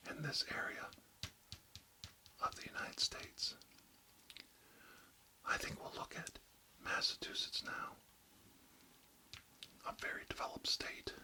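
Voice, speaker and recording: A man hosting ASMR in a very close, breathy whisper with deliberate phrasing into a binaural microphone. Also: on the high side. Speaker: ASMR host.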